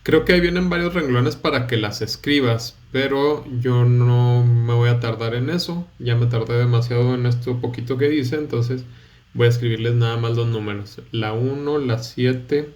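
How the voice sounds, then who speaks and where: A man, a teacher with a Mexican Spanish accent, patiently explaining a study-guide lesson and pausing with fillers. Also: medium pitch, a little mellow, highs cut off.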